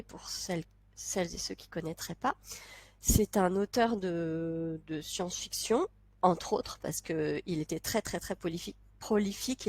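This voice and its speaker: A young woman with a mid-range voice talks casually to camera as a vlogger, her voice congested and stuffy from a cold. Laughter comes often, and she keeps restarting what she's saying. No room sound is audible.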